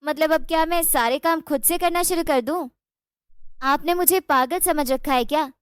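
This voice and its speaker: A woman doing a shrill spoiled young bride. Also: normal speed, no echo, studio quality, lightly acted. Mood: bossy. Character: spoiled, lazy young daughter-in-law, rude and bossy. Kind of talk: cartoon storybook voice acting.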